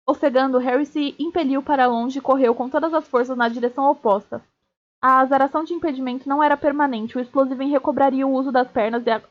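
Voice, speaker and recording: A woman streamer reading a novel aloud, steady, with small slips and restarts. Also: high-pitched. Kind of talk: live read-aloud of a novel. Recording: dull lo-fi stream audio.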